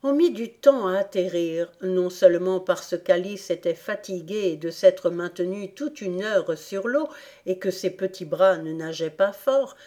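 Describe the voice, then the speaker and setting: A woman narrating an audiobook of a classic tale in a calm, measured way. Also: lowish voice. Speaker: audiobook reader.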